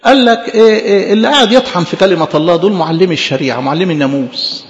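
A man with an Egyptian accent preaching a sermon in an animated, conversational way, full of rhetorical questions. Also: high-pitched, rapid-fire, big-room sound, lo-fi sound. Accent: Egyptian Arabic.

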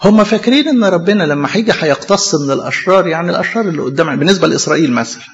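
In an echoey hall with dull lo-fi sound and background noise, an Egyptian Arabic-accented preacher races through his sermon. His slightly high voice is expressive and emphatic as he asks rhetorical questions and supplies the answers.

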